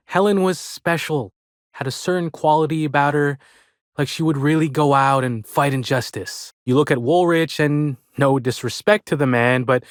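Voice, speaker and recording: A man's voice: a little high, dry recording, studio quality, lightly acted. A man voicing a chirpy, chatty old-fashioned hotel bellhop in a video game, with a folksy American way of talking. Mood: wistful, folksy. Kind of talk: video game character dialogue.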